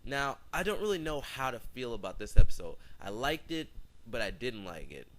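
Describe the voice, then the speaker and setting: A man's voice: mid-range voice, big pitch swings, normal speed, fairly bright tone, a little hiss or hum, rough recording. A teenage boy talking through a casual video review, rambling and hesitant, full of fillers and restarts. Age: teens.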